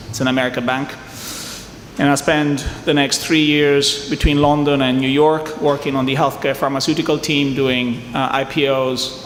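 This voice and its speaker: On a panel in an echoey conference hall, a middle-aged Italian-accented man from southern Italy, a venture investor, keeps a fireside chat chatty and full of jokes for the audience. His pitch is fairly high, and there's a little hiss or hum along with faint ambience.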